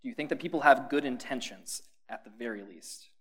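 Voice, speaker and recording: A man's voice: mid-range voice, a little fast, husky. A man preaching a sermon in a conversational way, putting questions to his listeners and adding dry humor.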